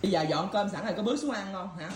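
A woman's voice: mid-range voice, racing. A woman scolding her partner at home, repeating the same complaints and empty threats over and over. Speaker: scolding spouse. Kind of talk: casual domestic bickering. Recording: echoey room with faint background noise.

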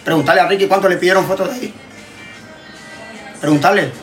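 A man's voice: sits high, quick pace, a bit bright, faint music behind. A Honduran man, a TikTok creator, ranting in casual chat, emphatic and repetitive, swearing freely. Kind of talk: heated casual rant.

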